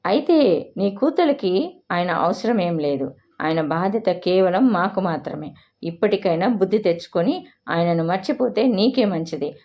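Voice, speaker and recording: A woman's voice: on the low side, expressive, moderate pace. A woman voicing a scornful, jealous second wife who mocks and taunts, in a storybook reading with slightly dull audio. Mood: mocking. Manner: mocking, taunting.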